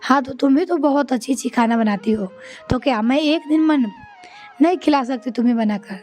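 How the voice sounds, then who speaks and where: A woman's voice: sits high, fairly quick, darkish tone, soft background music, close to an everyday voice. A woman voicing an older mother-in-law who complains about her daughter-in-law, reading a storybook tale. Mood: gentle. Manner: complaining, scolding. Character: older mother-in-law, sharp-tongued, later remorseful.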